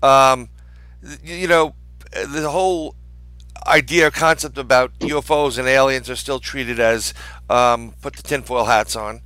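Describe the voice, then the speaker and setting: A man's voice: mid-range voice, steady tone, a little slow, sharp tone, dry recording, poor audio. A man hosting a podcast interview, talking casually with plenty of fillers and short agreements. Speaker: podcast host.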